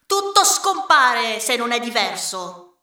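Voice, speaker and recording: A woman voicing a calm, wise chameleon in a children's storybook reading, speaking in gentle, coaxing rhymes. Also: a little high, takes it slowly, roomy sound, far from the mic, exaggerated voice. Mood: soothing.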